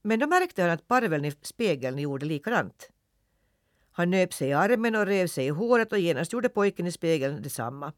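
A man narrating a classic children's story for radio in a lively, expressive reading. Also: high-pitched, no room sound, studio quality.

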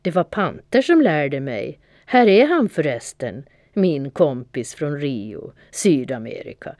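A woman's voice: sits low, big pitch swings, a little mellow, no room sound, studio quality. A woman voicing a boastful young tomcat who swaggers and shows off, in a storybook reading. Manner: swaggering, showing off. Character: boastful young tomcat poet, cocky and proud.

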